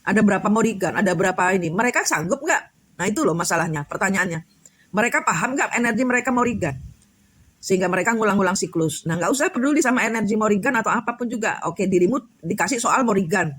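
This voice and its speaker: A woman's voice: mid-range voice, expressive, fast talker, a bit bright, slightly rough. Rambling woman. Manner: rambling, many fillers and restarts. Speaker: tarot reader and spiritual coach. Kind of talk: casual spiritual chat.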